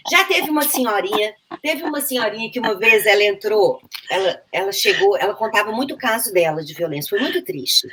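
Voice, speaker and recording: A woman's voice: mid-range voice, fairly quick, few pauses, a little hiss or hum. A Brazilian woman, an actress, telling stories in a casual interview, full of restarts and acting out the lines she quotes. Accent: Brazilian Portuguese. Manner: animated, acts out quoted lines, many restarts. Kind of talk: casual conversational storytelling.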